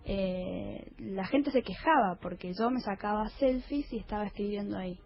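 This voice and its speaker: A woman's voice: mid-range voice, normal speed, creaky, lo-fi sound. An Argentine woman in her early thirties with a small, cute, girlish anime-like voice, chatting informally and gigglily as an interview guest. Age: early 30s. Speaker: interview guest, historian and author. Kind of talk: casual chat.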